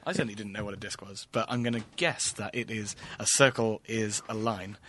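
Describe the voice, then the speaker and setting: A man's voice: on the low side, fairly quick, a bit bright, a little hiss or hum. A man co-hosting a comedy podcast with dry, wry jokes. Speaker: co-host.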